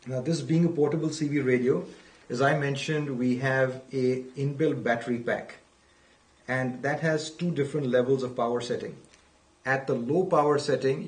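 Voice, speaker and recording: Heard from a distant mic with plenty of room echo, a man with a medium-pitched, darkish voice leads a product demonstration, methodically explaining each step and restating key points.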